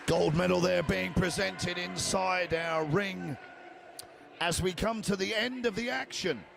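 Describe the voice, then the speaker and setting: A man giving excited live fight commentary, often shouting, and losing his voice. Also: sits high, measured pace, creaky, over music.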